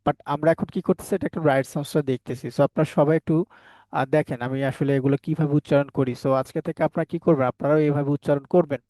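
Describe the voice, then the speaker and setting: A man's voice: fairly high pitch, fairly even intonation, racing, warm tone, no room sound. A man teaching an online class, drilling his students with repeated questions and answers. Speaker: English teacher. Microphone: headset.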